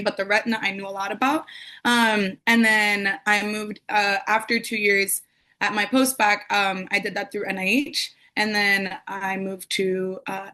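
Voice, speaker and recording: Young woman on a video call, kinda stuffy from a cold, lots of um and like, mid pitch. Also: sharp tone. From New York City. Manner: chatty, many fillers and "like". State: getting over a cold. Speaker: PhD student panelist. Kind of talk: casual webinar self-introduction.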